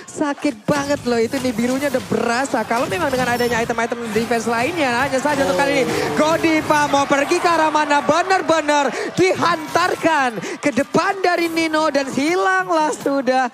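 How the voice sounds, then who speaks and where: An Indonesian man giving excited esports play-by-play in the manner of a fighting game announcer. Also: very high-pitched, moderate pace, few pauses. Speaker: esports match commentator.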